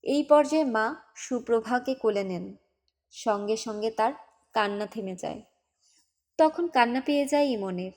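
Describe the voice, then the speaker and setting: A woman narrating a novel as an audiobook in a calm, unhurried storytelling manner. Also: a little high.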